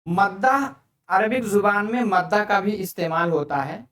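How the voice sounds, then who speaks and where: A man's voice: sits high, normal speed, a bit bright, far from the mic. A man teaching an online grammar lesson, explaining patiently and repeating each term in several languages. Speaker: Arabic teacher. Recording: echoey room, speaker away from mic.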